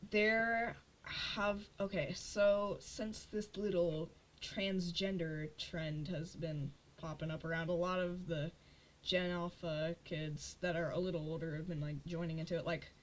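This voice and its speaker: A woman's voice: on the low side, fairly even intonation, measured pace, a little hiss or hum. A teenage girl hosting a casual podcast chat, talking loosely with many fillers. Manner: chatty, lots of fillers. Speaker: host.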